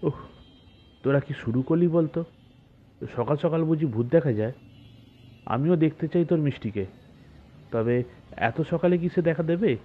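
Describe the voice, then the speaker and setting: A man's voice: on the high side, moderate pace, pauses often, lightly acted. A man playing a skeptical friend, tinny phone-like sound. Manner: mocking, skeptical.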